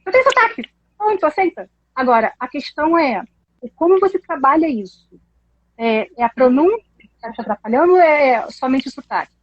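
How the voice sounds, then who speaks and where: A woman, an English teacher explaining pronunciation in a casual chat, animated and laughing often. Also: high voice, fairly quick, no echo, dull audio.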